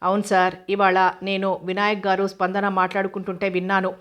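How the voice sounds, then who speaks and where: A woman's voice: medium pitch, monotone, a little fast, fairly bright tone, natural voice. Woman reading as a fawning male informer. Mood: conspiratorial. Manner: deferential, conspiratorial.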